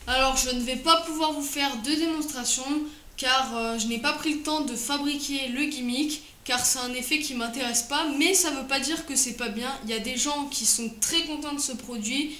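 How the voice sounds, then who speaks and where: Woman vlogger, high voice, halting casual review, faint background hiss. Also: bright, forceful tone. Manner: hesitant, frequent fillers and restarts. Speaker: product reviewer. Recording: roomy echo, faint noise.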